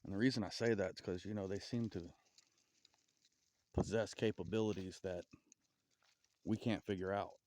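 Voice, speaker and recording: A man with a Southern US accent vlogging outdoors in a forest, rambling and halting with stutters and restarts as he muses aloud. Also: deep voice, steady tone, a little mellow. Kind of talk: casual outdoor vlog musing.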